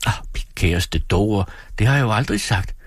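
A patient young husband reasons softly and earnestly, as a man reading a story gives him voice. The voice sits low and a little husky, close and dry. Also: lively intonation, no echo. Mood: firm, patient. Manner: gentle, coaxing, earnest.

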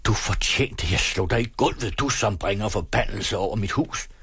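A man reading aloud and voicing a hot-tempered, bullying middle-aged father who thunders at his family, with a husky voice. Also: on the low side, very animated, fairly bright tone, no echo, studio quality, voice pushed up, exaggerated voice. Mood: furious. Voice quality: raised, thundering delivery. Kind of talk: audiobook reading.

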